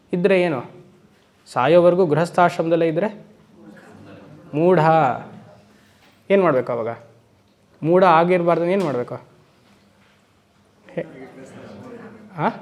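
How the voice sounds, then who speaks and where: A swami teaching Vedanta to a class. He keeps putting questions to his listeners and slows down for emphatic English phrases. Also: sits high, darkish tone. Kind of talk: spiritual lecture to a class. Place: lecture hall.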